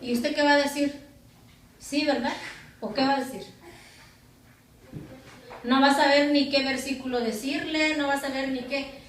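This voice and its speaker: Woman pastor, high voice, preaching, recorded from afar in an echoey church. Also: steady tone, normal speed, pauses often, far from the mic, slight background noise. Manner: preaching with rhetorical questions to the congregation. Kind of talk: sermon. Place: church hall.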